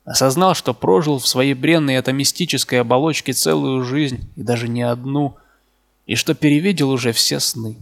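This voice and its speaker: A man narrating a literary novel as an audiobook in a calm, measured way, with a gravelly voice. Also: medium pitch.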